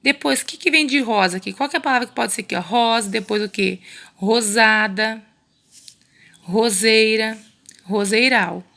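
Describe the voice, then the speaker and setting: Woman, Brazilian accent, primary teacher recording a remote lesson, bright edgy tone with some fry, patient and repetitive. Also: fairly high pitch. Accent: Brazilian Portuguese. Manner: patient, coaxing, repeats words slowly.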